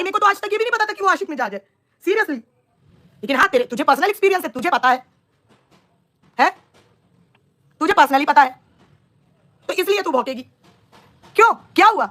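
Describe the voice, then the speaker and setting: A woman's voice: very high voice, pushed and bright. A young woman on a live stream, scolding and taunting a rival in an angry, combative rant.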